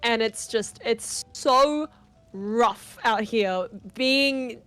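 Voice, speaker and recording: A woman's voice: a little high, very slow, a bit bright, soft background music. A woman hosting a livestream, chatting casually and upbeat while she draws, laughing often. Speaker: livestream host. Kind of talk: casual chat while drawing.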